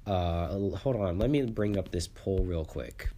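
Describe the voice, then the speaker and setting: Low-voiced man, congested and sniffly with flu. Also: lively intonation, measured pace, warm tone. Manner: rambling, stammering, repeats words. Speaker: movie podcast host. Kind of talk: casual solo podcast commentary.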